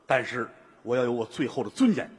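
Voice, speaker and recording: A man telling a crosstalk comedy story on stage, acting it out with shouted slogans and mouth sound effects. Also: medium pitch, animated, brisk, slightly rough. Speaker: lead comedian.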